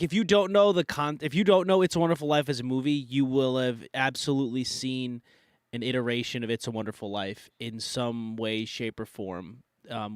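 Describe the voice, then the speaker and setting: A man with a clear, resonant mid-range voice co-hosts a live podcast, sounding nasal from a cold. In a casual debate chat, he rambles with plenty of fillers and restarts, and the studio sound is clean with no echo.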